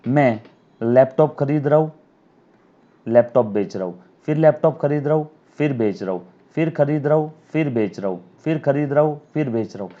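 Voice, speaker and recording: Man, accounting teacher, recorded video lecture, dictates slowly with repetition, mellow voice, dull lo-fi sound. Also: mid-range voice, animated. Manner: dictates definitions slowly and repeats words for students; calls students "my child" and asks "yes or no?". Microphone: camera mic.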